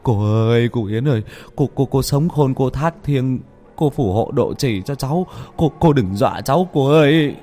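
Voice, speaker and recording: A man's voice: on the low side, a little fast, mellow, faint music behind, close to an everyday voice. A man voicing a terrified young village man who stammers and pleads in a raised, shaky voice. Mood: pleading.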